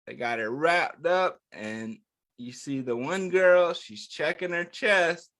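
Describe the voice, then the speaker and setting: Reading a picture book to young children, this man has a fairly high, fairly bright voice and a slow pace. He addresses the kids directly, asking simple, encouraging questions and then answering them.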